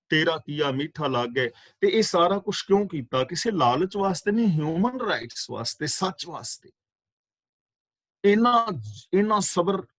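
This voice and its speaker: A man's voice: fairly high pitch, a bit bright, dry recording. Fervent man preaching a scripture class. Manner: recites verses slowly, then explains pronunciation and meaning; rhetorical questions, fervent emphasis. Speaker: katha preacher. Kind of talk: scripture exposition.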